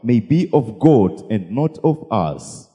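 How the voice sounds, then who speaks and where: A man's voice: lowish voice, takes it slowly. A man interpreting a sermon phrase by phrase into English, promptly echoing each line. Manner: echoes each phrase promptly, lively intonation. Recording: long hall reverb.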